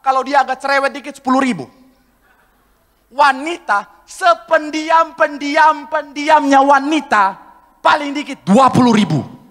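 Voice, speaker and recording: A man preaching a lively, joking sermon to his congregation, acting out husbands and wives in comic asides. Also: very high voice, unhurried. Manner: joking, acts out couples' voices, addresses congregation as saudara. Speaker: pastor. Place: large church hall, live service. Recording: live church recording with long hall reverb.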